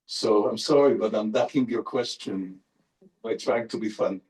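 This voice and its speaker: A professor with a lowish, darkish voice answers audience questions at a normal speed in an unscripted academic talk, leaning on wry rhetorical questions and emphatic repetition. The recording quality is low.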